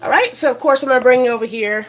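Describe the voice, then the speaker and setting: A woman's voice: sits high, very fast. A woman hosting a casual cooking demonstration in her home kitchen, chatty and rambling with many fillers. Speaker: cooking show host.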